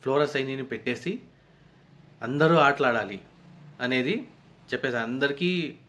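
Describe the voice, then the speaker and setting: A man's voice: mid-range voice, unhurried, fairly bright tone. A man giving a rambling, conversational recap of a reality show episode as a reviewer. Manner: rambling, conversational retelling with frequent restarts.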